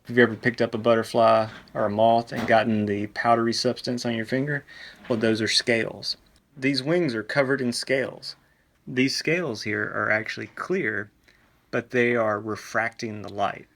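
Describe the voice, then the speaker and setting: A man's voice: medium pitch, vocal fry, fairly bright tone. A middle-aged man, a museum director and professor, explaining his work informally in an interview.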